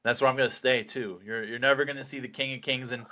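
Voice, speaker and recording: A man with a bright, punchy voice at an average pitch gives a casual interview as a fighter. He talks with cocky bravado and swears freely, like someone selling his next bout. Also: steady tone, fast talker, slight background noise. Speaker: professional slap fighter being interviewed.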